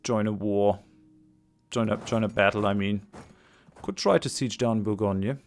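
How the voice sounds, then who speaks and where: A let's play host commentates casually on a strategy game as he plays, his lowish voice a little slow over soft background music. He thinks aloud hesitantly, full of fillers and restarts, and his voice sounds tired.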